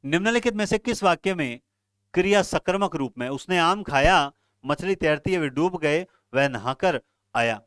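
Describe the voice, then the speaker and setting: A man's voice: a little high, animated, moderate pace, a bit bright, clean tone, dry recording. A man, teaching an online exam-prep lesson and talking earnestly and directly to his students. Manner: earnest, advising students directly, with frequent fillers.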